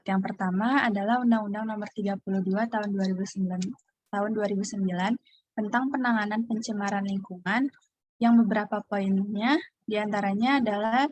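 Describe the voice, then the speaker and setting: A young woman from Indonesia, a student presenter, reading a class presentation haltingly with fillers and restarts. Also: mid-range voice, darkish tone. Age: young adult.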